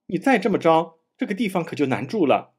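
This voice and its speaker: A man with a husky voice reading the lines of frank, scolding young maids from a storybook. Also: a little high, sing-song, brisk. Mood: reproachful. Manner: reproachful.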